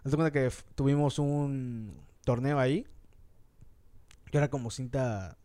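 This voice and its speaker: A Mexican man with a Mexican accent telling a story in fast, slangy casual chat, acting out the lines of the people in it. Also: medium pitch, steady tone, dark tone.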